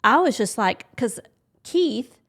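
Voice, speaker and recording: A woman's voice: fairly high pitch, expressive, slow pace, fairly bright tone. Frank, chatty woman co-hosting a podcast. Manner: frank, chatty, thinking aloud with quoted inner thoughts. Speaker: podcast co-host. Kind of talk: candid conversational podcast chat.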